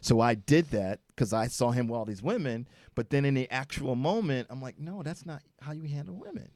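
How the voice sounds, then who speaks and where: A man's voice: medium pitch, expressive, a little fast, a little mellow, dry recording. A man co-hosting a casual talk show, telling a candid personal story and acting out the voices in it. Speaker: co-host. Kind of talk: casual chat. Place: studio.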